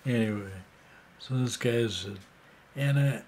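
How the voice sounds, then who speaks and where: A man's voice: medium pitch, a little slow, darkish tone, a little hiss or hum. A man in his sixties telling a rambling, casual story full of fillers and asides. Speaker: vlogger.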